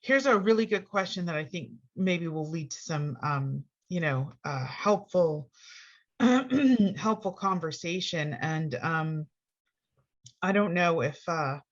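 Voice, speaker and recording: A woman's voice: fairly low pitch, slow pace, highs cut off. A woman moderating a webinar, friendly, reading audience questions aloud and thanking attendees. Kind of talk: hosting a live Q&A.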